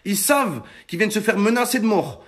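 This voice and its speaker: A man with a notably high voice rants to his followers. He talks emphatically, swears a lot and addresses his audience as friends and brothers. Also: lively intonation, fairly quick. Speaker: social media personality. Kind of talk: animated storytime rant to followers.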